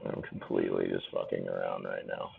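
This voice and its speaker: A man's voice: very deep voice, completely flat delivery, brisk, creaky, husky. A man painting during a live stream, chatting casually, laughing often and swearing freely as he answers viewers. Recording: tinny phone-like audio with faint music.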